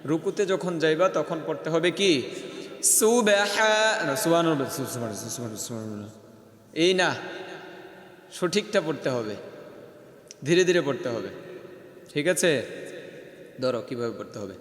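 Man, Quran teacher, class lesson, quizzing pupils, drawn-out chanted examples, echoey hall. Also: a little high. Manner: quizzes pupils, then slowly chants the words as a model. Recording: echoey hall with long reverb.

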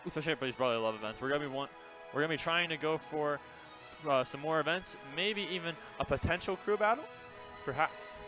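A young esports commentator with a slightly high voice talks quickly over music, wearing a headset as he calls a live gaming tournament. He's laid-back and chatty with a joking streak, set in a small game center room lined with shelves.

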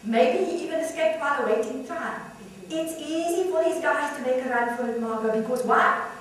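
A gravelly, laid-back man phoning a late-night show, as a woman puts him on in a lowered voice. He drawls along unhurried, and the storybook reading echoes strongly around a room heard from afar. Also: slight background noise, close to an everyday voice. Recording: echoey room, far from mic.

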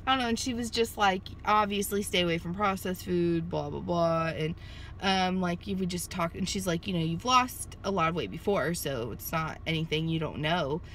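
A woman in her thirties rambles casually to her phone camera, held at arm's length, while sitting in a parked car in a sunny lot; her vlog is full of fillers and restarts. She speaks at a moderate pace in a fairly bright voice on the low side, with a little hiss or hum.

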